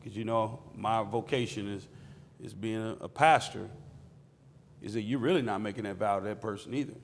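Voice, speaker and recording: Gravelly-edged man in casual conversation. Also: lowish voice, steady tone, moderate pace, a little hiss or hum. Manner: interjecting, questioning, playful. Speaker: pastor, co-host.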